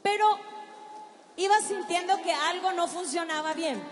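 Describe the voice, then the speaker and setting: A woman gives an emphatic testimony and prayer to a live audience, slowing her words for effect. Her voice sits high. The sound carries the long reverb of a large hall, with music playing clearly behind her. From Paraguay. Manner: emphatic, directs the crowd, slows for dramatic effect. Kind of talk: testimony and prayer preaching at a youth event.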